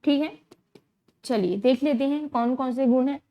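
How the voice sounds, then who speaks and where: High-pitched lady teacher doing exam prep, repeats stuff slow, keeps asking "got it?". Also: lo-fi sound. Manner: repeats key terms slowly, checks understanding with rhetorical questions.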